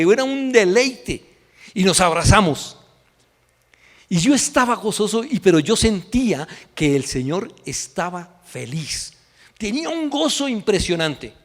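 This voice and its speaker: A man preaching a sermon as pastor, telling a story in an animated, emotional way, recorded in a church hall. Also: sits high. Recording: echoey hall reverb.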